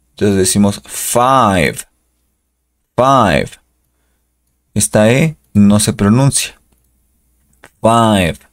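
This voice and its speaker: A man's voice: on the low side, darkish tone. A Spanish-speaking man giving an English pronunciation lesson, patiently repeating each model word. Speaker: English teacher.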